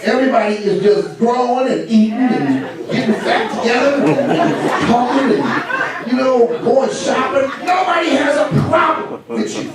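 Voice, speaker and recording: A man with a high voice preaches a lively sermon, mocking and laughing as he goes. He is picked up from far off in a very echoey church. A congregation is clearly heard around him. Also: unhurried, a loud crowd. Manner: animated, mocking, laughing asides. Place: church sanctuary.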